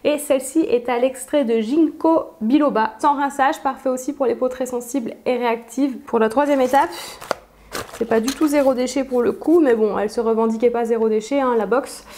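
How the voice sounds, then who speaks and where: A woman's voice: high voice, brisk, warm tone. A young woman chatting casually as she unboxes beauty products, with frequent fillers and easy laughs. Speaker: beauty vlogger.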